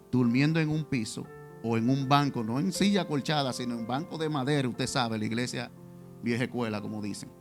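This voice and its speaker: A man preaching a testimonial sermon in church, speaking directly to the congregation with rhetorical questions. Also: mid-range voice. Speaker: pastor.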